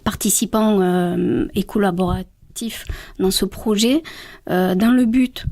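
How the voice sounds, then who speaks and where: Woman guest explaining on radio, mid voice, super dry sound, lots of halting for words. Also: mid-range voice, warm tone, dry recording.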